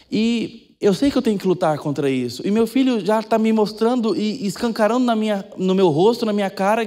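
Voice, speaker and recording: A Brazilian pastor preaching from the pulpit in a fairly high but dark, mellow voice. He talks conversationally, drops to quiet asides and then climbs into stressed, drawn-out points. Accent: Brazilian Portuguese. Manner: conversational preaching, swings between soft asides and emphatic rises. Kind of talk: sermon. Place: church sanctuary.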